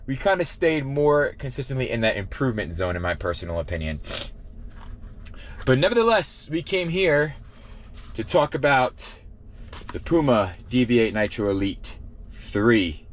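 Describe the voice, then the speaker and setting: Casual male running vlogger, faint noise. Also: medium pitch. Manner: informal, self-correcting. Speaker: running vlogger and shoe reviewer. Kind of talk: casual workout recap to camera.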